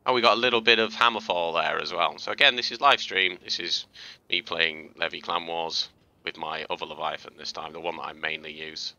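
Low, sharp-voiced man explaining gameplay. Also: fairly quick, lo-fi sound. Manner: relaxed, chatty explaining with fillers and restarts. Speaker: gaming video host. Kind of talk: casual gameplay commentary and tutorial.

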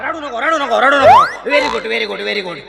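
A man acting in a stage comedy sketch, excited, shouting and laughing as he talks. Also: very high voice, moderate pace, gravelly, over loud music. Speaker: comic actor.

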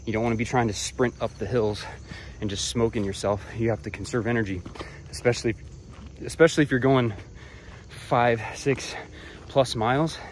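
A man vlogging hiking tips while walking a trail outdoors, relaxed and a bit profane, talking between breaths. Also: medium pitch, normal speed, a little hiss or hum. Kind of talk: casual talk while hiking. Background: crickets and insects.

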